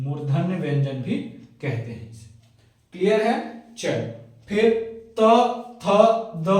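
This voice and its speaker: Echoey, high-voiced male Hindi teacher. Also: a little mellow. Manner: repeats "clear hai?" and "hai na" often; spells out sounds one at a time. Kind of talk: classroom lesson. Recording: very echoey room, voice from a distance.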